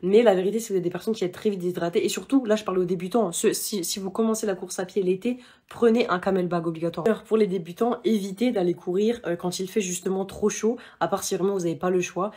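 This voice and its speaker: A young woman talks to her viewers in a quick, chatty stream. Her voice is a little husky, and she keeps restarting sentences and filling gaps with hesitations. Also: medium pitch, fairly even intonation, dark tone. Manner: chatty, many fillers and restarts, addresses viewers directly. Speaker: vlogger giving running advice. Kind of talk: casual talk to camera.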